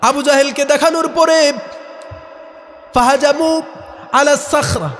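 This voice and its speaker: A man preaching a chanted Bengali sermon, quoting Arabic and rising to shouts. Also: very high voice, fairly even intonation, slow pace, in a large hall.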